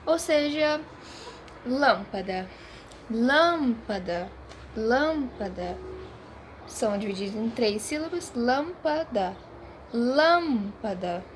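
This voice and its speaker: A woman presents a homemade video lesson for a class assignment. Her voice sits high, and she speaks slowly and deliberately. She says each example word several times, drawing it out syllable by syllable. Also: a little hiss or hum. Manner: slow and deliberate, repeats example words syllable by syllable.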